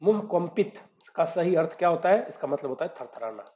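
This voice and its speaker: A man's voice: on the high side, expressive, fairly quick, dark tone. A man tutoring, reading out each exam question and then explaining the answer step by step. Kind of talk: exam solution walkthrough. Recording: dull lo-fi recording.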